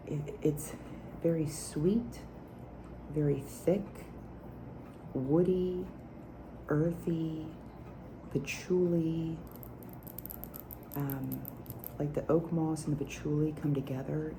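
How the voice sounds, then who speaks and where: A woman with a very low voice speaks softly and slowly, almost whispering, in an ASMR review style. Clear nail tapping and clicking runs along with her hushed talk. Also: noisy background. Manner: soft, hushed, near-whispered speech. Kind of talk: soft-spoken ASMR product review.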